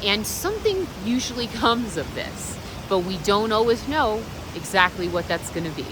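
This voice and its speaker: A woman's voice: medium pitch, moderate pace. A woman vlogger talking reflectively and off the cuff outdoors, encouraging the viewer directly. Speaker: vlogger and meditation practitioner. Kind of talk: unscripted reflective vlog talk. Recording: clear steady background noise.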